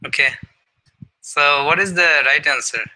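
A man's voice: on the high side, a little slow, pushed and bright, low-quality recording. A man leading an online student meeting over a video call, encouraging and full of fillers and restarts. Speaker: meeting leader and mentor.

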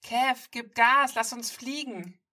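A woman voicing a playful, bold teenage girl with a husky, gravelly voice, read on a distant mic. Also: fairly low pitch, unhurried, a bit bright, pitched above the performer's own voice, heavily acted. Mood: bubbly. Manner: teasing, bubbly.

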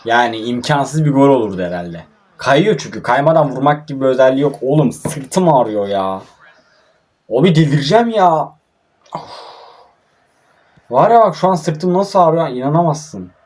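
A man's voice: mid-range voice, lively intonation, normal speed, pauses often, darkish tone. A young man from Turkey giving casual, frustrated commentary while playing a mobile football game, grumbling and swearing often.

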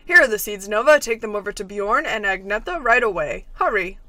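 A woman voicing an anxious, hurried male seed seller from a video game, urgent and dramatic. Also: medium pitch, expressive, bright, forceful tone, dry recording, voice pushed down.

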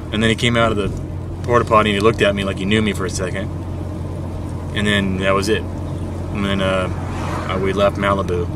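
A man's voice: low voice, recorded from a distance, background noise. A man rambling casually about his day while driving, laid-back and swearing freely, in a car on a town street. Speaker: vlogger. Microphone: handheld music player camera. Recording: voice from the mic, loud music over it.

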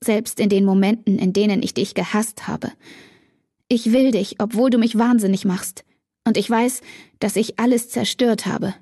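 Lady doing a tearful teen girl, voice cracking up high, husky and a bit gravelly. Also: steady tone, normal speed, mellow, no room sound, studio quality. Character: emotional teenage girl, tearful and torn.

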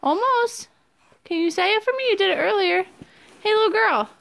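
A woman's voice: extremely high pitch, expressive, moderate pace, vocal fry, fairly bright tone, no echo. A woman talking baby talk to her infant, coaxing and squealing praise in a sing-song voice. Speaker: mother filming her baby.

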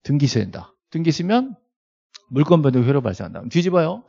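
A middle-aged male lecturer with a gravelly, mellow voice that swings up and down as he teaches law to a classroom. He keeps asking rhetorical questions and repeating key terms, with little joking asides to the students. The recording is dull and lo-fi. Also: on the high side, sing-song, fast. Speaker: law lecturer at a real estate agent exam prep academy.

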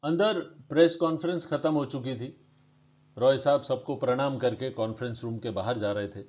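A man reading his own story aloud in steady, measured narration. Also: medium pitch. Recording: dull lo-fi recording.

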